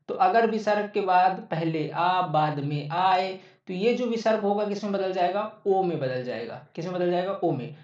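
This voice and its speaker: A man's voice: sits high, a little mellow. A male teacher giving an online exam-prep lecture, repeating each point and answering his own questions. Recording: roomy, distant, dull lo-fi sound.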